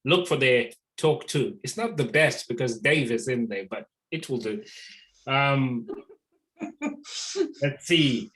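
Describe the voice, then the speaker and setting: A man hosts an art talk over a video call, and his voice sits in a middling pitch. He rambles through the announcements, stopping often on ums and restarting his sentences. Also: slow pace, pauses often, fairly bright tone, rough recording. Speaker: host of an online art talk.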